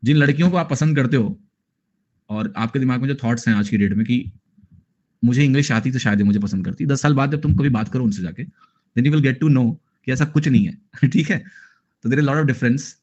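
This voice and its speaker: Give me an Indian man in his thirties, a math teacher who wanders off into jokey asides in the middle of a lesson and drops English phrases into his Hindi. His voice sits at an ordinary pitch, and the recording sounds a bit dull and lo-fi. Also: moderate pace, darkish tone. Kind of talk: online math class with chatty asides.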